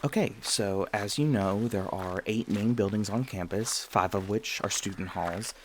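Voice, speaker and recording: A man with a lowish, unhurried, natural voice plays a friendly vampire university student who doubles as a tour guide in an ASMR roleplay. His casual chat to the listener is easygoing and informative, with gentle teasing and jokes. There's a slight hiss or hum in the background.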